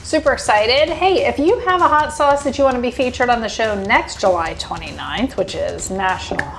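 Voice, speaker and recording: A woman's voice: a little high, animated, normal speed, vocal fry, noisy background. A woman co-hosting a food show, chatting casually while tasting hot sauces. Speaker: co-host of a local food and small business show.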